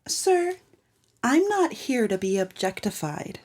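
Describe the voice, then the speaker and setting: A woman playing a prim, matter-of-fact librarian in a comedic noir audio drama, with a mellow voice. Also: a little high, very animated, takes it slowly, full character voice. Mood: indignant.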